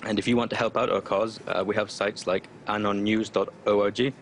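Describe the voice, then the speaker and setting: A man representing an online activist group responds to an interviewer remotely, his voice disguised to sound deeper. He is defiant and loose, uses many fillers, and speaks at a moderate pace with little pitch movement. The call carries a slight hiss or hum.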